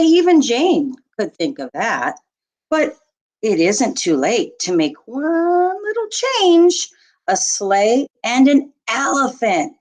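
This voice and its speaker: She is an unhurried, teacher-like storyteller whose pitch varies widely as she reads a rhyming picture book aloud to children. Her telling is expressive and deliberate, broken up by brief asides to the listeners.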